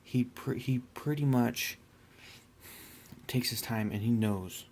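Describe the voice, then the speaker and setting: A young man casually talking through his hobby work, rambling and relaxed with many fillers and restarts. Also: mid-range voice, slow pace, a little hiss or hum. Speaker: miniature painter.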